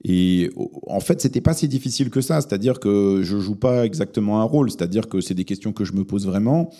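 A man's voice: lowish voice, animated, brisk, mellow. A man born in Lebanon, a journalist answering interview questions in a reflective way, with many hesitations. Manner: thoughtful, many hesitations and fillers. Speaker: journalist and podcast host, guest here.

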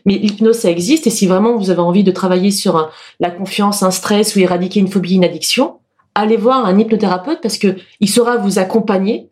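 A woman's voice: medium pitch, a little fast, darkish tone. Earnest woman explaining, fillers and restarts. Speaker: stage hypnotist, podcast guest. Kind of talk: casual podcast chat.

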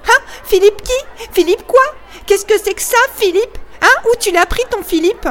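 A woman's voice: very high voice, normal speed, a bit bright, a faint crowd, pitched above the performer's own voice. A woman voicing a pack of cruel schoolboys taunting and mocking.

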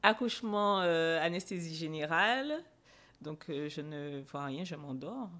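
A young woman with a somewhat low voice speaks as a podcast guest about something she lived through. She hesitates often, restarting phrases and filling pauses. Her telling is emotional and candid. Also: lively intonation, fairly bright tone. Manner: hesitant, frequent fillers and restarts; emotional recounting. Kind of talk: personal storytelling in a podcast interview.

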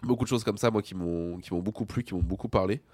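A radio host with a very deep voice talks in a relaxed, slangy way and laughs easily. The sound is dry and close to the mic. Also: male voice, fast, dry recording. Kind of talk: casual radio chat.

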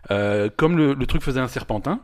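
A man co-hosting a casual podcast, telling stories with many stammered restarts. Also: medium pitch. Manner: fast, stammering restarts, lively storytelling. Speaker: podcast co-host.

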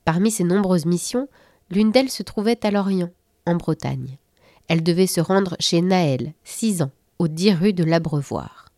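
A woman narrating a children's story in a lively, playful storybook manner. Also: on the low side, a little slow, dry recording, clean studio sound.

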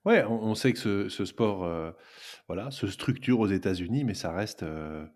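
A middle-aged man co-hosting a casual podcast, relaxed and joking, teasing his partner. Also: fairly low pitch, normal speed. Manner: relaxed, joking, reads reviews aloud. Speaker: podcast co-host.

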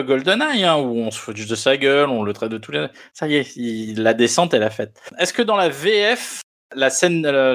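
A man co-hosting a casual film review podcast, speaking hesitantly with many pauses and restarts. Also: medium pitch, a bit bright. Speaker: podcast co-host.

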